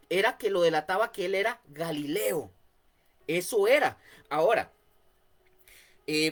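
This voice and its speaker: A Costa Rican man teaching a Bible study in an explanatory way, repeating key points and often pausing on fillers. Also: high-pitched, fairly bright tone. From Costa Rica.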